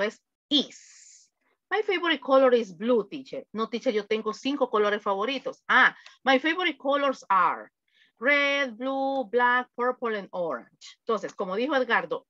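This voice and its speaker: Salvadoran female English teacher, unhurried delivery, lo-fi online class audio. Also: fairly high pitch, a bit bright. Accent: Salvadoran Spanish. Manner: slow, drawn-out English model phrases. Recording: dull lo-fi audio.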